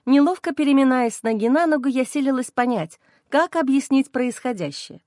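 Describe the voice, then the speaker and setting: A woman narrating a first-person novel in an expressive audiobook reading. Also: high-pitched, fairly quick, no room sound, clean studio sound.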